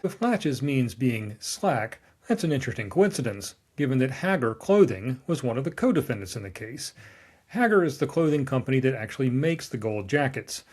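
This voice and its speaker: A man's voice: medium pitch, big pitch swings, normal speed, darkish tone, breathy edge. A man, a lawyer reading a scripted explainer with wry, dry asides. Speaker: trademark lawyer recapping a newsletter.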